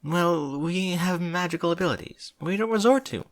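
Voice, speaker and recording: A man voicing a regal, earnest female pony princess in a formal, measured, gentle way for a story reading. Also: high voice, no room sound, studio quality, pitched above the performer's own voice, natural voice.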